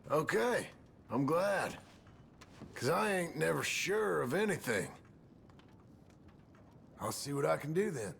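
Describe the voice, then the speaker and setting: A rugged, laconic gunslinger in a video game. His voice is very gravelly and sits a bit high, and it swings widely in pitch. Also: very animated, slow pace, long pauses, fairly bright tone, a little hiss or hum, full character voice.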